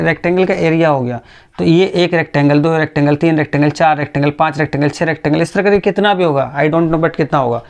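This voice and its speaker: Male physics teacher, gravelly, a little high; slow, patient, keeps checking students follow. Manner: patient, repetitive, checks understanding often; speaks slowly on purpose. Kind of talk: classroom lecture.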